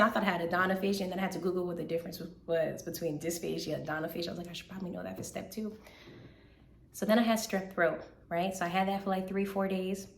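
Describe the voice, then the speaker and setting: Woman in her 20s chatting a vlog update, bit hoarse, lowish voice, echoey room, repeats stuff for emphasis. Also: slight background noise. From Southern United States. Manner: chatty, animated storytelling, repeats phrases for emphasis. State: slightly hoarse from recent illness. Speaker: third-year medical student vlogger. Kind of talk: casual vlog life update.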